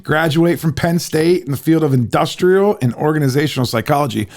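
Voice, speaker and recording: A man's voice: a little high, fairly quick, darkish tone. A middle-aged man from Ohio hosting a podcast, chatting casually and rambling with lots of fillers. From Ohio, USA. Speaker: podcast host. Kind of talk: casual interview chat.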